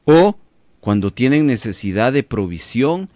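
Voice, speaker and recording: Male radio preacher, Latin American Spanish accent, emphatic and lively in pitch, dry close mic. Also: a little slow, no room sound. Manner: preachy, emphatic, asks listeners questions. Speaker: radio Bible teacher and host. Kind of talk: radio Bible teaching. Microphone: studio microphone.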